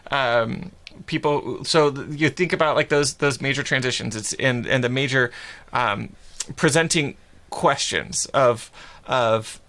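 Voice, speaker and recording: Guy around forty, bright voice, kinda thinks out loud as he talks, chill podcast guest. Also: mid-range voice, unhurried. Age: 40s. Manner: thoughtful, searching for words. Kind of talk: casual conversational interview.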